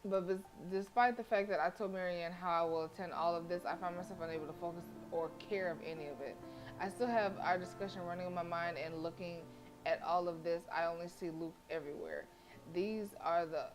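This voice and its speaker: A woman live streamer with a lowish, brisk voice reads a visual novel aloud with expression, cutting in with slangy, casual interjections. Game music plays in the background.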